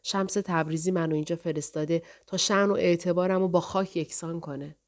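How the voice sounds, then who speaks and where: A woman voicing a calm, dignified male scholar who speaks softly, measured and courteous. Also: fairly low pitch, natural voice.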